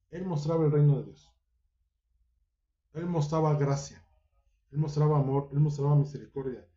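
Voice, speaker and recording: A man delivers a Bible study sermon in a very dark, mellow voice pitched a little high. He keeps asking his listeners direct questions and slips into the voices he quotes. The recording is roomy and dull, with a lo-fi edge. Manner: asks listeners many direct rhetorical questions; acts out quoted voices within the teaching. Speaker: preacher.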